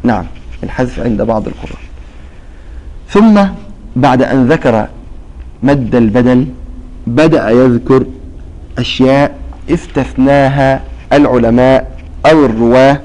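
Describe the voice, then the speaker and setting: A man's voice: mid-range voice, moderate pace, long pauses, darkish tone, rough recording. A man teaching a religious recitation lesson, explaining patiently and quizzing his students with repeated questions. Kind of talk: classroom lesson.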